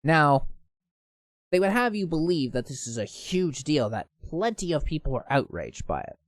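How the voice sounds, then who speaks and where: A man's voice: a little high, sing-song, normal speed, no room sound. A man hosting casual online news commentary, reading posts aloud and stumbling now and then. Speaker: host.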